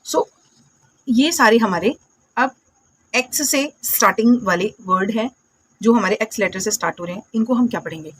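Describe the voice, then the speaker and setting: A woman teaching English phonics, patiently asking questions, answering them herself and repeating words slowly. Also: fairly high pitch, husky. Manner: patient, calls viewers "my dear friends" and "beta". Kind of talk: classroom phonics lesson.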